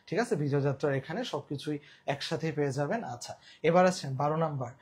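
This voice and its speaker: A man's voice: fairly high pitch, quick pace, a little mellow, husky. A man with a Bangladeshi Bengali accent teaching a live online exam-prep class, repeating key terms and quizzing viewers. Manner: colloquial, mixes in English words.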